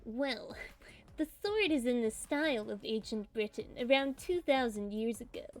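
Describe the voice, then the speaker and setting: A woman's voice: on the high side, lively intonation, normal speed, faint music behind, lightly acted. A woman voicing a condescending, bitter male antiques appraiser with a smug, patronizing manner.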